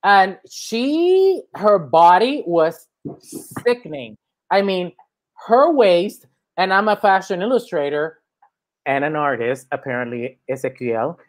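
A man's voice: high-pitched, expressive, takes it slowly. A man with a Spanish accent hosting a casual chat show, playful and rambling with theatrical flair, over a video call. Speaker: host.

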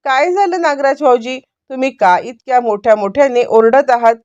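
A woman's voice: sits high, moderate pace, a little mellow, natural voice. A woman retelling as a panicked frightened woman. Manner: pleading, panicked cries. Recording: dry, slightly dull sound.

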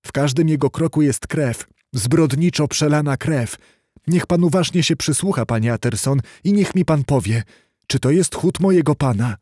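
Guy reading as a scared old butler, higher voice, jumpy and hushed, dry recording. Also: normal speed, dry recording, close to an everyday voice. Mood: fearful. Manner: hushed, uneasy. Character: anxious old male butler, fearful.

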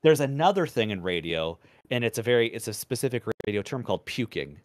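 A man and former radio presenter, chatting as a podcast guest in a measured, deliberate way, projecting from the diaphragm and swearing casually. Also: medium pitch, sing-song, no room sound, studio quality. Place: podcast recording.

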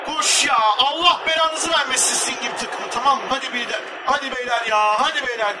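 A young man commentating his football video game, shouting and swearing in frustration at his players. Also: very high voice, steady tone, fairly quick, distant mic, crowd noise, background noise. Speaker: gamer. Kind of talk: excited gameplay commentary.

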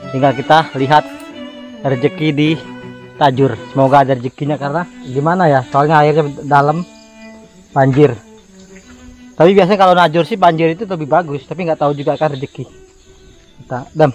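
A thirtysomething man from Indonesia gives casual vlog talk at a forest camp by a river, chatting to viewers as guys. His fairly high voice has fairly even intonation and a slightly fast pace with frequent pauses, over soft background music.

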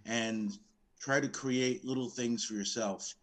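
A man's voice: mid-range voice, steady tone, measured pace, a bit bright. A man, a film producer, giving earnest, somewhat rambling advice in an interview.

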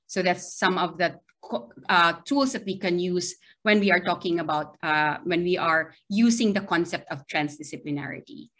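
A middle-aged Filipino woman from the Philippines, a university lecturer, gives a seminar remotely from a small video-call window. Her voice is lowish and fairly bright at normal speed, and she sounds hesitant, often checking in with "right?".

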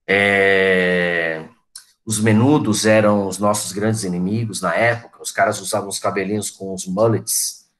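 Chatty teacher in his forties, low voice. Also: fairly even intonation, unhurried, fairly bright tone. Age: 40s. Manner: chatty, reminiscing, addresses students by name. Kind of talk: online class talk.

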